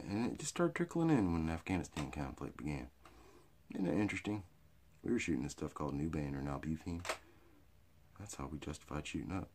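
A middle-aged American man with a hick drawl and a gravelly, raspy voice, rambling through off-the-cuff comedy to camera in a crude, rowdy redneck manner. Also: a bass voice, darkish tone, slight background noise. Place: small cluttered indoor storage room or workshop. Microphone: phone or webcam at arm's length.

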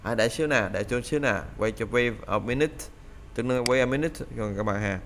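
A man's voice: medium pitch, very fast, fairly bright tone, slight background noise. A man teaching English phrasal verbs in a casual lesson, explaining in Vietnamese and often repeating the phrases aloud.

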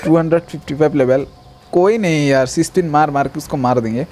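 A young man giving casual, rambling gameplay commentary as a gaming YouTuber, talking straight to his viewers and reacting loudly when attacked. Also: a little high, fast.

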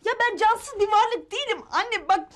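A woman's voice: very high voice, moderate pace, a bit bright. An actress playing a witty, restless young woman who is stuck at home in a sitcom, with a sarcastic, exasperated tone. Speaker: daughter. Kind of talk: sitcom acting.

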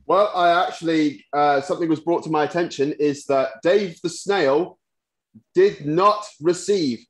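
A man plays a disapproving judge in a puppet improv contest. His voice is slightly high and measured, with a strong room echo around it. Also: lightly acted. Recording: roomy, echoing video-call audio.

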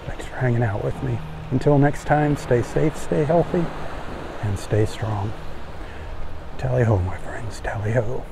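A man hosting a calm, unhurried beach-walk vlog, outdoors at sunrise, filming with a phone as he walks. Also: mid-range voice, creaky, background noise. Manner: calm, unhurried, admiring running commentary. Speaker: host.

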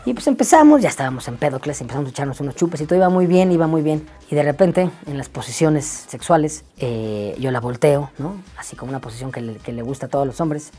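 A man's voice: a little high, animated, fast, hardly any pauses, warm tone. A young Mexican man with a Mexican accent telling a funny personal anecdote in laid-back, slangy, self-mocking speech. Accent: Mexican Spanish. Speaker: storyteller. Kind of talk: casual comic anecdote.

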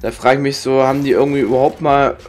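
A man's voice: medium pitch, little pitch movement, quick pace, a little mellow. A young man from Germany gives casual, rambling gameplay commentary in slangy speech, grumbling and swearing. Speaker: gaming streamer. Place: indoor room with webcam.

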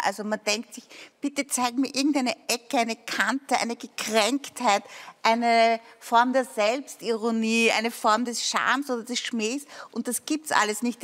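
A woman's voice: a little high, fairly bright tone, long reverb tail. A woman with an Austrian accent, giving a colloquial, opinionated critique as a panelist in a TV discussion.

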